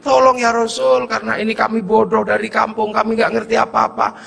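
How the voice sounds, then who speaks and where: A man voicing a fierce, simple male village pilgrim who is deeply devoted and talks gruffly and threateningly. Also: completely flat delivery, brisk, a bit bright, full character voice. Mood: pleading.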